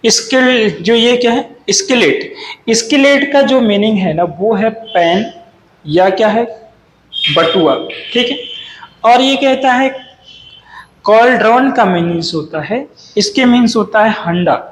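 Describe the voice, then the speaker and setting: A man's voice: high-pitched, a little slow. A young man teaching exam vocabulary, quizzing students in a sing-song way and mixing Hindi with English words. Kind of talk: exam-prep lesson going through slides. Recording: echoey room with faint noise.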